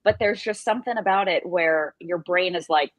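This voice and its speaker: A woman's voice: fairly low pitch, normal speed, dry recording. A woman co-hosting a podcast, asking a guest a thoughtful question in a friendly way. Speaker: podcast co-host. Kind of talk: casual podcast chat.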